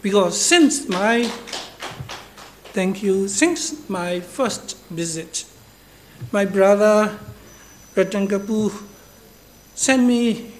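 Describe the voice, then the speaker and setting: A man from Myanmar with a Burmese accent giving a formal, deliberate speech as a guest speaker. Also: sits high, lively intonation. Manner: deliberate, addresses listeners as brothers and sisters.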